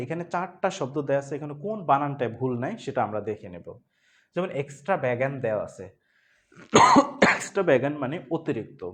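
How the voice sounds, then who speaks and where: Man teaching an exam-prep class, repetitive. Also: fairly high pitch. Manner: explains step by step, repeats points, asks students if they understood; spells words letter by letter, mixes Bengali with read-out English. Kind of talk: online exam-prep lecture.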